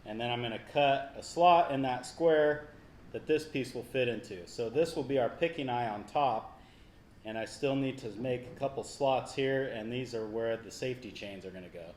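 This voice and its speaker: A man's voice: mid-range voice, normal speed, a little mellow. A man who ranches and welds, explaining a shop project step by step in a casual how-to vlog. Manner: plain explaining, walks through each step. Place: workshop. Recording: echoey shop with faint noise.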